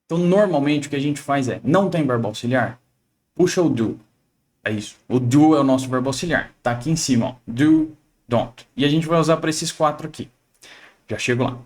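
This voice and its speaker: A young Brazilian man teaches English in a casual online lesson, talking in a mid-range voice at a fairly quick clip. He explains things in a chatty way, often checks in with the listener, and shifts his intonation to model how questions sound.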